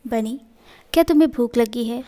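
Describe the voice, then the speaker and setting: A caring mother who speaks gently but firmly, read by a woman in a high voice. She sounds firm and kind in this read-aloud story. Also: normal speed, close to an everyday voice. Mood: tender. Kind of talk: storytelling in a fan fiction reading.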